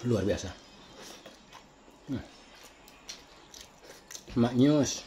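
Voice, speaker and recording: Guy talking while chewing, mellow voice, faint hiss behind. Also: mid-range voice, animated, drawn-out words. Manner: hums between bites, addresses viewers as guys. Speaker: mukbang vlogger. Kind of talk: casual eating vlog chat.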